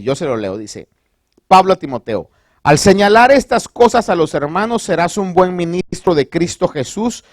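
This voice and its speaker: A man preaching a sermon as pastor, conversational and animated, asking the congregation rhetorical questions and dropping in English phrases. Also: on the high side, dry recording, clean studio sound.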